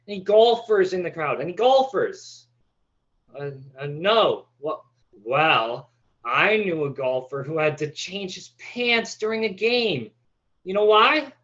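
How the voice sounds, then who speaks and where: A man acts out a floundering young stand-up comic with a high, bright voice. He goes slowly, halting and stammering nervously through the monologue. The sound is slightly dull and lo-fi. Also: heavily acted. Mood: strained, hopeful.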